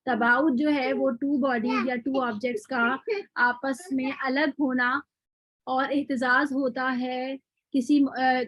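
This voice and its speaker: Woman, high voice, tajweed teacher, patient explaining, dull lo-fi audio, dry close sound. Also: no room sound. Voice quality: patient, repeats example words slowly. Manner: frequent fillers and self-corrections. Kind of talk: online lecture with recap.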